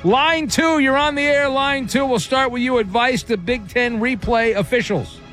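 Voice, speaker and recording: Smooth-talking, high-voiced radio host man. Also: moderate pace, a bit bright, soft background music. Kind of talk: live overnight sports talk radio. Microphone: studio broadcast mic.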